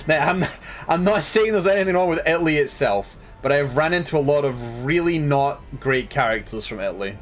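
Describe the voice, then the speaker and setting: A man's voice: fairly high pitch, lively intonation, moderate pace, faint music behind. Tired, rambling male streamer. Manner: rambling, laughing, self-deprecating. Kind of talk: casual game stream chat.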